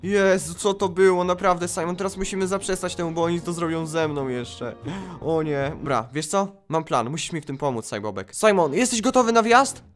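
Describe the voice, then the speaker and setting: A man role-playing as a child in an online game, excited and full of quick exclamations. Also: fairly high pitch, faint music behind. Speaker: gamer playing a child character. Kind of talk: game role-play with voice chat.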